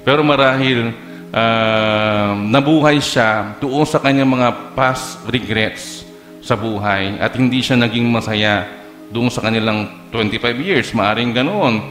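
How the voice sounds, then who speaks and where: A man's voice: medium pitch, slow pace, fairly bright tone. Filipino-accented male pastor, conversational sermon full of fillers and questions to the flock, roomy church echo, faint music underneath. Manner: conversational Taglish preaching, hesitant fillers, asks the congregation. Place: church hall. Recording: echoey church hall.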